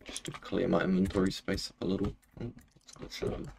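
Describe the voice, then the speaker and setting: Speaking a little fast in a low monotone, a young streamer with a broad New Zealand accent rambles casually through his gaming livestream, dropping slang as he goes. Clicks from his keyboard and mouse come through clear background noise.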